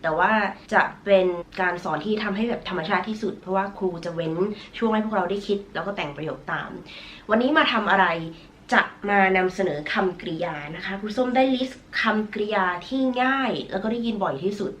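A woman's voice: medium pitch, a little hiss or hum. Nasal-voiced woman teaching English vocabulary. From Thailand. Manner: patient, drawn-out model pronunciations; self-conscious about her nasal voice. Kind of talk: recorded online lesson.

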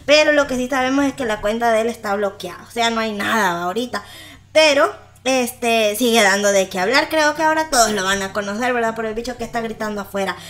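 A woman's voice: fairly high pitch, quick pace, fairly bright tone. A woman with a Salvadoran accent hosting a gossip channel, chatting casually and laughing often. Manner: chatty, laughs often, keeps tagging "¿verdad?".

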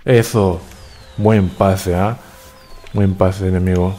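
A man giving excitable live commentary over a video game, cheering and repeating words in quick bursts. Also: low voice, faint music behind. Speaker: gaming YouTuber.

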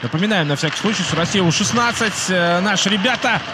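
A man's voice: sits high, expressive, fast talker, very noisy. A man doing live play-by-play commentary on an ice hockey game.

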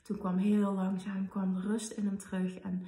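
A woman in her thirties, a podcast host, telling a personal story in an emotional, animated way. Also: medium pitch, moderate pace. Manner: emotional, animated retelling with quoted dialogue. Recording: roomy, slightly distant mic.

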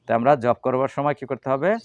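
A man's voice: medium pitch, fairly even intonation, dry recording, highs cut off. A man teaching a class on the Gita, asking his listeners questions and answering them himself. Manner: leads slow chanting. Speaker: religious teacher.

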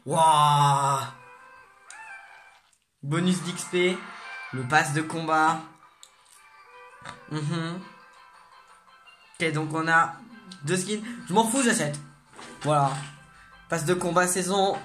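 An excitable gamer talks casually through new game content at a middling pitch, reading the menus aloud and cheering at each new item. Faint game music plays underneath. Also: slow, long pauses. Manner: excitable, reads menu text aloud. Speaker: gaming video host. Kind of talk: casual gameplay commentary.

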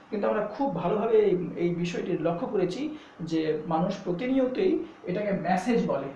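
A man's voice: high-pitched, a little mellow. A man teaching English pronunciation, explaining patiently and spelling words out letter by letter, switching into English phrases. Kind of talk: spoken lesson to camera. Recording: echoey, dull, slightly distant with faint hum.

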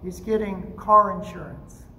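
Older guy pastor telling a story from the pulpit, kinda high voice, faint hum behind, echoey church. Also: little pitch movement. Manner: gentle, unhurried storytelling with frequent "uh" pauses. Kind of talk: storytelling sermon. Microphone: pulpit microphone. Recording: echoey sanctuary with faint ambience.

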